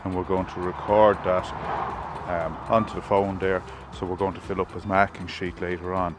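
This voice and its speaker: A man talks through a veterinary task as he does it. His voice is low and flat, with music clearly behind it. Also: moderate pace. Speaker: vet. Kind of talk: commentary while working.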